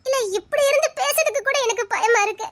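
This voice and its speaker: A tearful young student, deeply hurt and openly reproachful, speaking with a Tirunelveli Tamil accent , as a woman acts her out. Her voice sits extremely high and cracks with crying. This is melodramatic Tamil drama acting. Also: fast talker. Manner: sobbing, accusing and reproachful. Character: young female student, heartbroken, betrayed and tearful.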